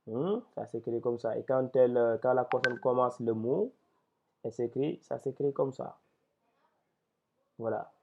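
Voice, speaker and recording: A man's voice: medium pitch, steady tone, creaky, background noise. A man teaching Arabic reading step by step, patient and spelling out syllables one at a time. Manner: slow and patient, with many restarts and syllable-by-syllable spelling. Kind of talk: step-by-step lesson. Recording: tinny phone-like sound.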